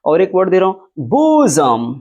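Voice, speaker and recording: A man's voice: high voice, wildly swooping pitch, muffled recording. Patient male teacher drawing out example words. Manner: stretches and stresses example words, repeating them slowly and louder; patient, repetitive teacherly phrasing. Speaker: English pronunciation teacher. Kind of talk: step-by-step classroom explanation.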